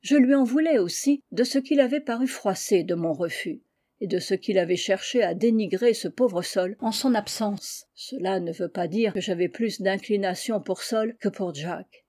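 A woman narrating a classic story as an audiobook reader. Her voice is mellow and warm, with a calm, measured way of telling the tale. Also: medium pitch.

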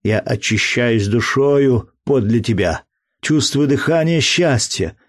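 A man reading an audiobook, voicing an earnest, emotional young man deeply in love in a fervent, slow delivery. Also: animated, dry recording, studio quality.

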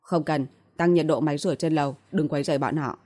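A woman's voice: low voice, fairly even intonation, quick pace, warm tone. A woman reading as a curt, bossy young man. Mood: calm. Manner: curt and scolding.

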